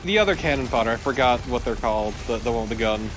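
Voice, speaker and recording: A man co-commentating on a let's play trades casual, joking banter, speaking fast with a medium pitch and lively intonation. Loud game noise sits behind his voice.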